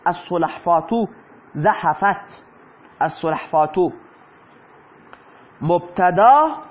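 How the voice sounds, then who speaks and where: A high-pitched male teacher explains grammar step by step. He keeps posing questions to the class and answering them himself. The recording sounds dull and lo-fi. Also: lively intonation. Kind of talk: explaining lesson in Persian.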